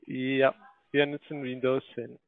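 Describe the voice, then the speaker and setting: Halting non-native man on a tinny phone line. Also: medium pitch, little pitch movement, creaky, no room sound. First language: not German. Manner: halting speech full of filler sounds, ungrammatical German. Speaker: scam call center agent. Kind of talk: phone call.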